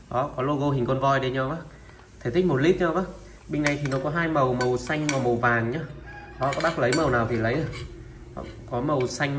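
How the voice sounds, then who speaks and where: A medium-pitched man showcases second-hand Japanese goods one by one as a sales pitch, steadily and repetitively, starting nearly every line with the same pointing word. He addresses viewers familiarly and uses filler sounds in his pauses, while dishes and cutlery clink in the noisy background.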